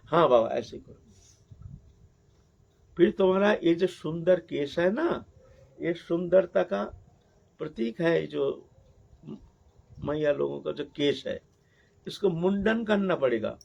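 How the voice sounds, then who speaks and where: A man, a sadhu, telling a devotional story in a sermon, with animated, repetitive phrasing, in a dull lo-fi recording. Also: a little high, slow pace, vocal fry, pauses often. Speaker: sadhu preacher.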